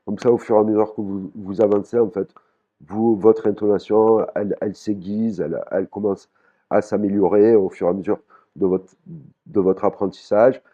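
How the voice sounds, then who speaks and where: A man teaching a language lesson in a relaxed way, with frequent fillers, restarts and repeated words. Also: fairly low pitch, moderate pace, highs cut off. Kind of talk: casual spoken lesson.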